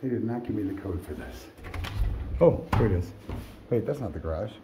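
A real estate agent gives a casual condo walkthrough, with a short stretch outdoors, thinking aloud in a low-key, matter-of-fact way but sounding animated and brisk. It's a handheld phone recording at arm's length with background noise.

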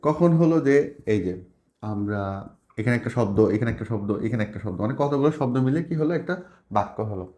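A man teaches a grammar lesson in a mellow, dark voice, moving slowly from point to point. He keeps asking his listeners questions to check that they follow. The room gives his voice a noticeable echo. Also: medium pitch, expressive. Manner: explains slowly step by step with many check questions. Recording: echoey room.

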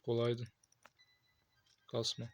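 A young man playing a horror game, talking to himself with excited outbursts and cursing at the game. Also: mid-range voice, very slow. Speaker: gameplay streamer. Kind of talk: casual gameplay commentary.

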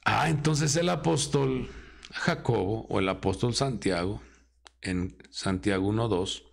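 Slow gravelly preacher, man. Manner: dramatic preaching, acting out quoted voices with swings in pitch. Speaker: apostle preaching. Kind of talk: sermon.

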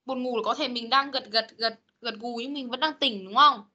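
A woman teaching English online, modeling words slowly and correcting students patiently. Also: fairly high pitch, sharp tone. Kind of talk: online class pronunciation drill. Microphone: computer mic on video call.

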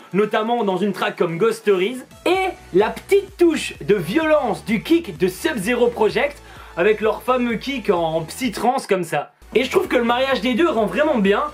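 A man's voice: extremely high pitch, breathy edge. A Belgian man with a Belgian French accent, chatting casually and enthusiastically about music tracks in a joking vlog style. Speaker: DJ and music video host.

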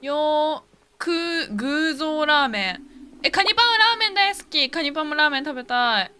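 High, lively, jumpy young-sounding woman. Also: moderate pace, slight background noise. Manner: jumpy, easily scared, exclaims and repeats herself. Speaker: gaming video host. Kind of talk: casual game commentary.

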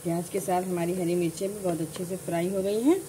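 A woman narrating a home cooking tutorial, calmly explaining each step in order. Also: on the low side, fast, slight background noise, rough recording. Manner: calm step-by-step instructions. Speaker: cooking channel host.

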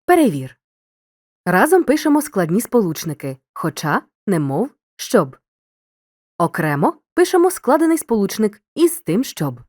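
Lively dry-voiced woman teaching a lesson. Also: mid-range voice, unhurried, no room sound. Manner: clear didactic instruction, addresses the learner directly. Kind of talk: scripted lesson narration.

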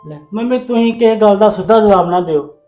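A puzzled grown son, played by a man in a family web drama, pressing his mother with quick questions and mild exasperation. Faint music sits behind him. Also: sits high, mellow, lo-fi sound, lightly acted. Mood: questioning.

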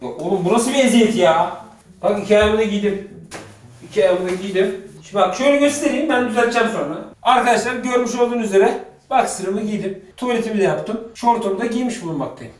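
A man vlogging in a joking, animated way, talking to his viewers. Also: high-pitched, fast talker. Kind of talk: comedic vlog.

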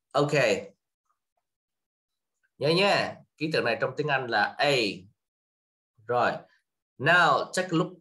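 A man with a Vietnamese accent teaching English to children, switching between Vietnamese and slowly repeated English words for the kids to copy. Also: mid-range voice, pushed and bright. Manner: slow drawn-out repetition of English words.

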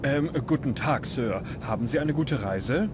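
Dry, self-mocking adventurer hero, played by a man, cabin rumble behind. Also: expressive, unhurried, lightly acted. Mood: wry. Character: wry young male adventurer. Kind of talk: fan-dubbed adventure game dialogue.

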